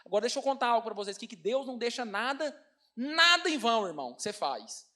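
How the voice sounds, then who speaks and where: A man's voice: very high voice, rapid-fire. A man with a Brazilian Portuguese accent, a pastor preaching a storytelling sermon and calling out to the congregation as brothers. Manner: animated, addresses congregation as brothers.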